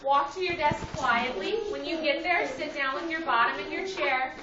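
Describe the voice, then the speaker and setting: High-pitched woman with a kindergarten teacher voice. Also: moderate pace. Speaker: early elementary school teacher. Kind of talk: classroom instruction to young children. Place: classroom with children, indoors. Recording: dull, roomy, distant classroom recording with children.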